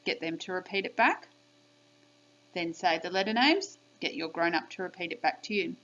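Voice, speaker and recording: A woman teaching young children a spelling lesson on video, sounding out letters and sounds slowly and clearly. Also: fairly low pitch, lively intonation, a bit bright, a little hiss or hum. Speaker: primary school teacher. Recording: slightly dull lo-fi sound.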